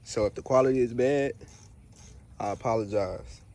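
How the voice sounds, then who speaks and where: A man's voice: medium pitch, normal speed. A man talking casually while he works on a truck outdoors, recorded on a phone camera. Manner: relaxed, talks as he works, points things out. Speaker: DIY car repair vlogger. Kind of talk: casual how-to narration while working. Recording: noisy outdoor phone video.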